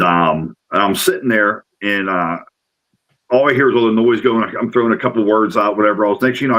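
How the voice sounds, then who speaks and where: A middle-aged man telling a rambling, excitable story as a guest in casual chat, repeating words as he goes. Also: fairly low pitch, low-quality recording. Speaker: paranormal investigator guest.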